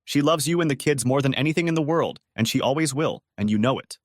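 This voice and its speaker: A man voicing a calm, apologetic woman friend who pleads softly but firmly, in a told-aloud story. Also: mid-range voice, fast, no room sound, studio quality, voice pushed up, lightly acted. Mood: soothing. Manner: soothing, apologetic, insistent.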